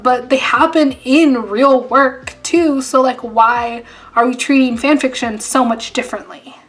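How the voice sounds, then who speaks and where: A young woman vlogger chatting casually with lots of fillers and lively asides, her voice a little hoarse. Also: fairly high pitch. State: losing her voice. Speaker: YouTuber. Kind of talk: casual chat.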